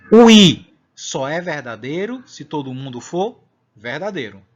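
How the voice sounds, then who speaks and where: Husky-voiced male math teacher lecturing. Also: fairly high pitch, big pitch swings, a little slow. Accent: Brazilian Portuguese. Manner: explanatory, checks in with "né?" and "ok?". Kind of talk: recorded online lecture. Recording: dull lo-fi recording.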